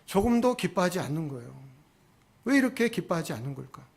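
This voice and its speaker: A man's voice: sits high, big pitch swings, a little fast, creaky, breathy edge. A male pastor preaching a sermon, retelling a story and asking his congregation questions.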